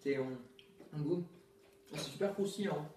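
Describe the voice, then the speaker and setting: Guy with a high voice, talking through a mouthful of cookie, short offhand comments, echoey room, kinda far from the mic. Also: normal speed, a little mellow. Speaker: co-taster. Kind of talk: casual chat. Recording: roomy, off-mic, faint noise.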